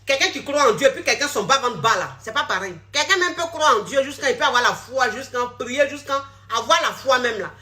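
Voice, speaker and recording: A woman speaks to her viewers as a relationship coach. Her voice sits high and bright. She is blunt and scolding and repeats her points again and again. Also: expressive, a little fast, hardly any pauses. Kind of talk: direct-to-camera social media talk.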